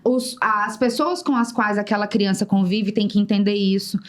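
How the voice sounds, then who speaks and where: A Brazilian woman pediatrician hosting a podcast, explaining in a measured way. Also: medium pitch, steady tone. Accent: Brazilian Portuguese. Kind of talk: podcast conversation.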